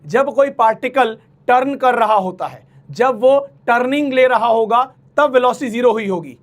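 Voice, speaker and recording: A man's voice: very high voice, expressive, moderate pace. A man teaching physics in an online exam-prep lecture, coaxing and familiar, repeating key phrases and speaking.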